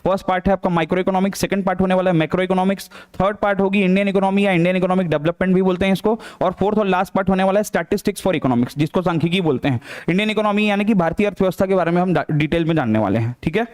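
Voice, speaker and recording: A man's voice: sits high, rapid-fire, hardly any pauses, a little mellow. A male economics teacher with a Chhattisgarh Hindi accent, giving a live online class. He asks questions and answers them himself, repeats key terms and keeps checking that the students follow. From India.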